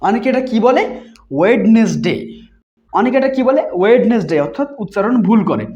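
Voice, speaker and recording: A woman teacher leads a beginner reading lesson with a very animated, rising and falling voice. She spells words out letter by letter, repeats them slowly, and answers her own questions. The recording is muffled and lo-fi. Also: on the high side. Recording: dull lo-fi recording.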